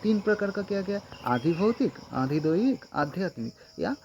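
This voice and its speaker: Gravelly-voiced man tutoring for an exam. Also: high-pitched, sing-song, normal speed, a little mellow, highs cut off, slight background noise. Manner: repetitive, frequent "thik hai" checks. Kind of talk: exam-prep lecture.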